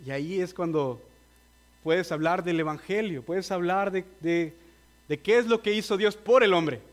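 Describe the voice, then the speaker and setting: A man's voice: high voice, unhurried. A man preaching a sermon, earnestly urging his listeners and admitting he is nervous.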